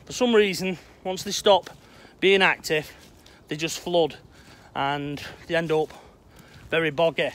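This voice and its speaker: A man's voice: a little high, fairly even intonation, unhurried, long pauses, a bit bright. Chatty Lancashire man walking in woods. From England. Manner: chatty, addresses viewers as "Hot Potters". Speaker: vlogger exploring old railway sites. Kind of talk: walking outdoor vlog to camera. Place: outdoors in winter woodland. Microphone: phone camera held at arm's length.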